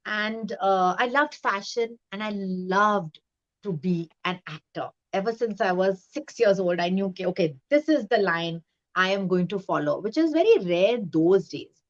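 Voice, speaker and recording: Guest, an animated storyteller, recorded on a dull lo-fi line. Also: female voice, mid-range voice, a little slow. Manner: lively storyteller who acts out voices in anecdotes. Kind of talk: casual interview chat. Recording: dull lo-fi sound.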